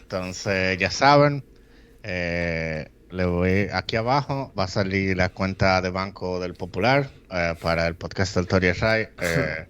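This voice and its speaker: A podcast co-host with a deep, slightly bright voice speaks unhurriedly in casual chat. He gives long, rambling explanations, mixing in English phrases and many "eh" fillers.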